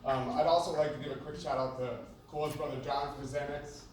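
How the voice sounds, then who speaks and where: A young man giving a humorous best man speech, joking and pausing between short phrases. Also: mid-range voice, flat delivery. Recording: echoey venue, distant mic, noisy background.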